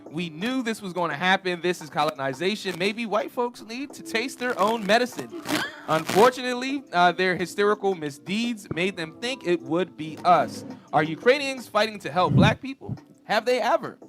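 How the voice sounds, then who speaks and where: Man, show host, high voice, hesitant with lots of uh and um, faint music behind. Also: expressive, normal speed. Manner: hesitant, many fillers. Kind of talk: casual panel chat.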